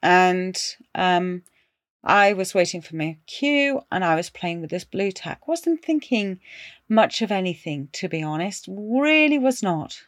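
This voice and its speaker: A middle-aged woman hosting a podcast and casually telling her own ghost story, animated but dropping to hushed tones for suspense. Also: on the low side, measured pace, no echo, studio quality. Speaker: podcast host.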